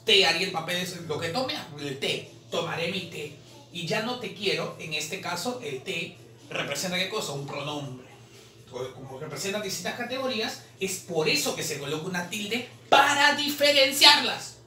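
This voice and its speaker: Brief: man teaching, slow repetitions, bright tone, faint background noise. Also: sits high, lively intonation. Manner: drawn-out repetition of syllables, explanatory. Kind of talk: exam solution lesson. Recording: roomy, distant mic, faint noise.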